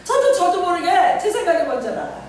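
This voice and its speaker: A middle-aged woman pastor preaching a sermon in a chatty, animated way, often laughing as she talks. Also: very high-pitched, quick pace, a little hiss or hum. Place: church sanctuary. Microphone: distant from the mic. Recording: very echoey church hall from far off.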